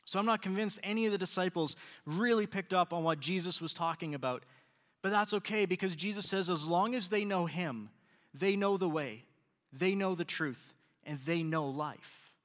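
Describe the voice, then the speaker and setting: A male pastor preaching a sermon in an earnest, emphatic manner, speeding up and slowing down for stress. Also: high voice, a bit bright, big-room sound. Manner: earnest, emphatic, shifts between quick and slow.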